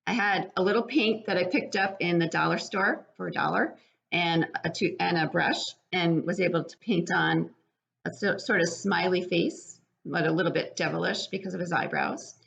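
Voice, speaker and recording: Her voice is fairly low, gravelly and a bit bright, and she keeps a moderate pace. This older woman plainly explains a kids' craft step by step as a preschool educator might, filmed indoors in her living room on an arm's-length webcam with a dull sound.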